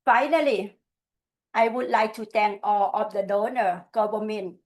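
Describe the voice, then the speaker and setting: A woman closes her webinar presentation. She speaks formally and carefully, at a mid pitch. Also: measured pace, darkish tone. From Thailand. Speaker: program presenter.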